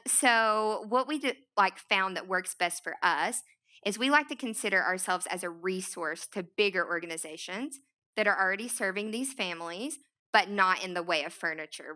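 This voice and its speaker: Female speaker, East Tennessee Appalachian accent, bright and smooth, for a chatty, self-deprecating public talk. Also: mid-range voice. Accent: East Tennessee Appalachian Southern. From East Tennessee, United States. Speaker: nonprofit founder speaking to an audience. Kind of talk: informal, conversational public talk.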